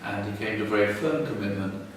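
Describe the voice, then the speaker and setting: Low-voiced man telling a story in an echoey room. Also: fast talker, a little hiss or hum. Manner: casual, humorous retelling. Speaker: religious teacher. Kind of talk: storytelling lecture. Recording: echoey room, far from mic.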